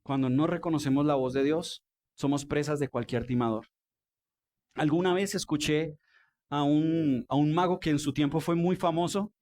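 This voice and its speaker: Colombian pastor, mid-high conversational sermon. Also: male voice, moderate pace, darkish tone. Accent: Colombian Spanish. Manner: conversational, asks the congregation questions. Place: church.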